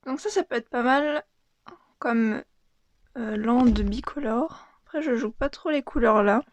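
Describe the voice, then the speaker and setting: A young woman casually opening and commenting on trading cards, reading them out in a soft, murmured voice that often drops to a half-whisper. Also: fairly high pitch, a little slow, no echo. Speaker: card unboxing vlogger.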